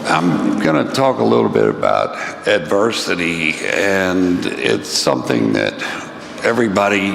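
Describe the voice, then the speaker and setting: A man with a raspy, gravelly voice giving an informal motivational keynote in a halting, rambling, self-deprecating way. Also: low voice, huge pitch swings, a bit bright. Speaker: keynote speaker. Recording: echoey room with clear noise.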